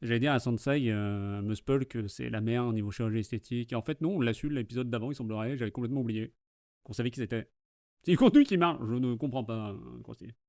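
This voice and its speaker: A man with a Québécois accent hosts a watch party, joking around and laughing often as he comments casually. His voice is mid-range and a little mellow, and he talks quickly.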